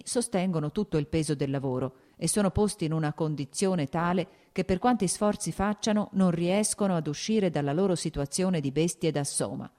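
A woman voicing a bitter, ailing man who argues in agitated, shouting outbursts, read as an audiobook character. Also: sits low, natural voice.

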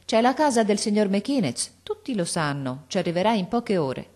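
A woman voicing a kindly Italian shopkeeper who reassures a boy briskly. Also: medium pitch, big pitch swings, darkish tone, voice pushed up. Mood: reassuring. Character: kindly Italian shopkeeper, middle-aged man.

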